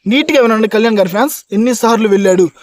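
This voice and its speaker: A man reviewing a reality show in a fast, opinionated monologue, emphatic and talking straight to the fans, repeating his points. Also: sits high. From India.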